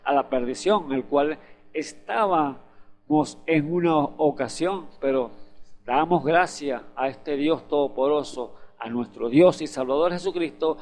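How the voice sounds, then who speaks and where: Preacher guy, kinda high voice, fervent sermon, lots of ums and repeating himself. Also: unhurried, a little mellow. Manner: fervent preaching with hesitant fillers and repetitions. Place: church.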